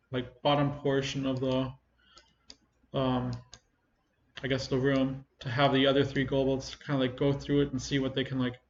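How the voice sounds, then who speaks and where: Halting, even-toned male game master, echoey room. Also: medium pitch. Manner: casual, halting. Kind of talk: improvised tabletop game narration. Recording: echoey room, slightly muffled, faint noise.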